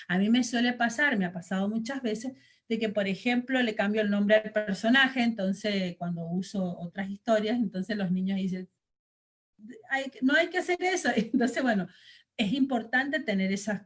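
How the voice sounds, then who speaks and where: A woman from Argentina teaching a storytelling training lesson, explaining patiently with fillers and checking questions. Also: mid-range voice. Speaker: children's ministry trainer.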